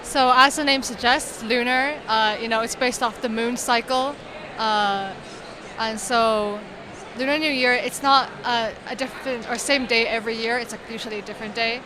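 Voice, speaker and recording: A woman's voice: fairly high pitch, steady tone, normal speed. An Irish woman chatting as a guest at an exhibition stand, with loose speech full of "like" and "you know". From Ireland. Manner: chatty, lots of filler words like "like" and "you know". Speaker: interview guest. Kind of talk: casual chat. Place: busy exhibition hall. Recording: crowd noise of a busy expo hall.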